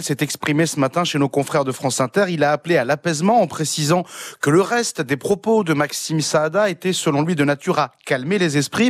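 Fairly high-voiced male radio correspondent. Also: dry recording, studio quality. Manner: measured, informative delivery. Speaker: special correspondent. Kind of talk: radio news report. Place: festival reporting post.

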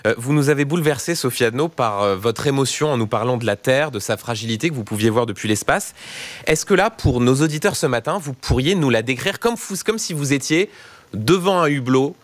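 A man's voice: mid-range voice, lively intonation, a little fast, no echo. A man interviewing live on radio, repeating words as he goes.

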